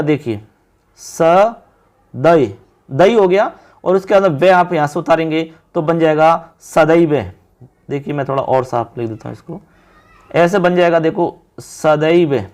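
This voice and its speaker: Male teacher, high-pitched voice, patient classroom explainer who asks and answers his own questions, slows way down on key sounds. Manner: drawn-out slow spelling of syllables. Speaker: Sanskrit teacher. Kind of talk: classroom grammar lesson.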